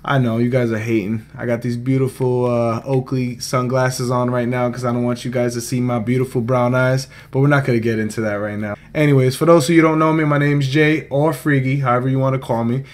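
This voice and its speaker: Young guy vlogging, chatty and rambly, jokes around, middle pitch voice. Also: level tone, fairly quick, hardly any pauses. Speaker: esports player and vlog host. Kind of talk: casual recap vlog.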